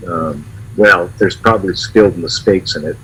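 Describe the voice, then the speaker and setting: A man's voice: sits low, unhurried, fairly bright tone, slightly rough, low-quality recording. A man who is a little under the weather, chatting casually with his students as an instructor. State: unwell. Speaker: instructor leading an online class.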